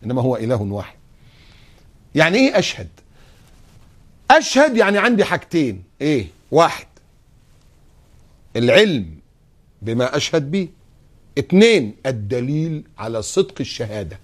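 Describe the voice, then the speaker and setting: A man with an Egyptian accent giving a religious lesson on a TV show, acting out little scenes and drawing out his recitations. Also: mid-range voice. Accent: Egyptian Arabic. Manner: animated, acts out scenes and recites slowly. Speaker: preacher. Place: TV studio.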